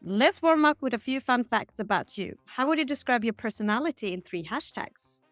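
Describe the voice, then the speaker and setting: A woman hosting a podcast, reading set interview questions in a steady, bright tone. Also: fairly high pitch, moderate pace, dry recording, soft background music. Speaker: podcast host. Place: Stockholm.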